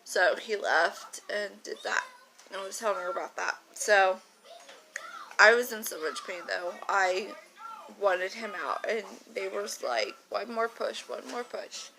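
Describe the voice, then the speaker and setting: A woman's voice: mid-range voice, unhurried, pushed and bright, a little hiss or hum, low-quality recording. A young woman telling a personal story casually to her phone camera, chatty and frank, rambling with fillers and the odd swear word.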